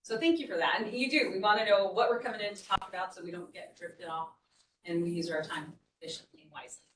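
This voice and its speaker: A woman's voice: mid-range voice, fast talker, a bit bright, slight background noise. A woman city staff presenter giving a board training, talking conversationally and explaining with frequent restarts. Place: meeting room. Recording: echoey meeting room, distant mic.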